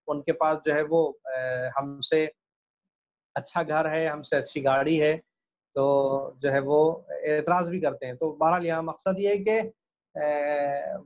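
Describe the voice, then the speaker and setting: A man giving a Quran commentary lesson, explaining patiently with hesitant fillers and reciting phrases slowly and carefully. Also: a little high. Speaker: religious teacher. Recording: dull lo-fi recording.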